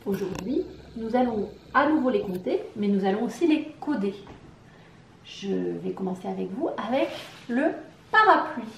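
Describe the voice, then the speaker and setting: A woman with a French accent, teaching syllables to a young child, clapping out each syllable slowly and asking questions. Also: medium pitch, expressive, gravelly, echoey room, slight background noise. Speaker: preschool teacher. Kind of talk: slow, sing-song phonics lesson for young children.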